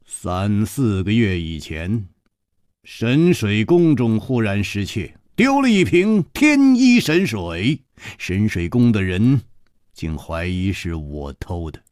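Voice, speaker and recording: A man voicing a calm, weary gallant hero who speaks quietly and measuredly with sighs. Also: fairly low pitch, takes it slowly, dry recording, clean studio sound.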